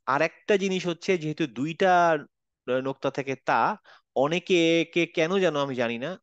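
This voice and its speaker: A man's voice: medium pitch, dry recording, dull audio. A man teaching Quran letter pronunciation in an online class, patiently saying each sound over and over. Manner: patient, demonstrates sounds by repeating them.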